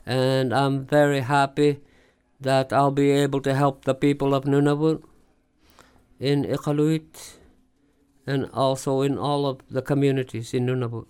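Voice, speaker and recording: A man interpreting live at a formal meeting, speaking in short phrases with pauses between them. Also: medium pitch, flat delivery, darkish tone, clear, resonant tone.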